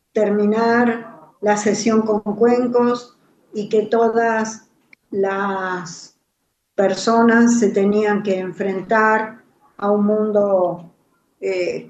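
A woman co-hosting a talk, who speaks in an unhurried, reflective way. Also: mid-range voice, a little mellow, roomy sound, lo-fi sound, slight background noise. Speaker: co-host. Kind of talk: conversational talk.

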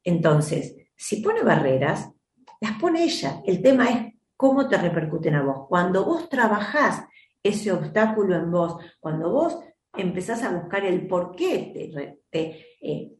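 A woman's voice: on the low side, sing-song, unhurried, reverberant. A woman with an Argentine accent hosting an advice program, explaining things in a reflective, teacherly way and often checking in with her listeners. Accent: Argentine Spanish. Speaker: host and teacher of a self-help method.

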